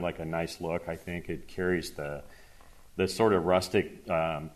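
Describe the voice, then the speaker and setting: A man with a very low voice presents his own application to a public board. He talks casually and haltingly, with plenty of ums and uhs. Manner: casual, hesitant, many fillers. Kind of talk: informal presentation at a public hearing.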